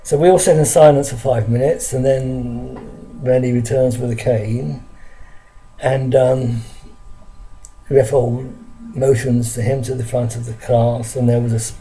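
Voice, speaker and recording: Dark gravelly older Englishman recalling. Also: medium pitch, fairly even intonation, a little hiss or hum, rough recording. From London, England. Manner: halting, earnest storytelling with many restarts. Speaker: storyteller recalling his school days. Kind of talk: casual spoken recollection to camera. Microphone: camera close in front of him.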